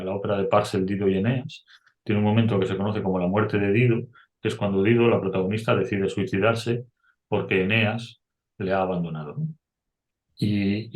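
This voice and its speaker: A man's voice: lowish voice, echoey room. A middle-aged man teaching music, explaining step by step and humming short melodies as examples. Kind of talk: explanatory lecture.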